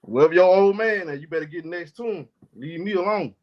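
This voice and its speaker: A man's voice: high-pitched, fairly quick, dull audio. A man hosting a casual sports talk live stream, loose and argumentative, talking back to his chat in slang.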